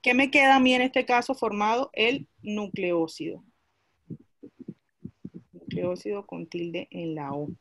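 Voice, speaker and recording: A woman's voice: mid-range voice, no echo. A woman teaching a class, explaining a chemistry lesson step by step and asking her students questions as she goes.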